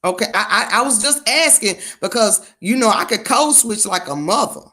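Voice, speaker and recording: A woman's voice: medium pitch, animated, bright, forceful tone. A woman with a Southern US accent, hosting a casual livestream chat in a drawling, joking way. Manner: chatty, drawling, quick to joke. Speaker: livestream host.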